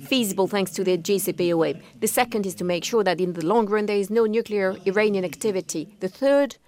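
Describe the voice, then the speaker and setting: A woman working as a live interpreter at a news conference, speaking in a halting way and correcting herself as she goes. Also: medium pitch, a little mellow. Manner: halting, self-correcting delivery.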